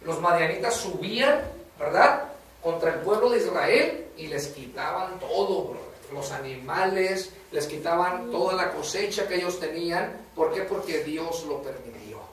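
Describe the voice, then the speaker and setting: A man's voice: fairly high pitch, lively intonation, a little slow, a bit bright, slight background noise. A man preaching a sermon in a casual way, often calling the listener "brother" and asking "right?". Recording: echoey room, voice from a distance.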